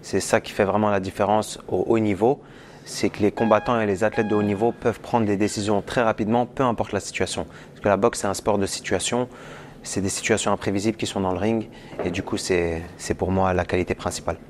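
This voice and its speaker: Un homme, entraîneur principal d'une équipe, qui parle calmement en interview, avec quelques hésitations. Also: male voice, fairly low pitch, a little hiss or hum. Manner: calm, measured, with hesitations. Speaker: head coach of a team.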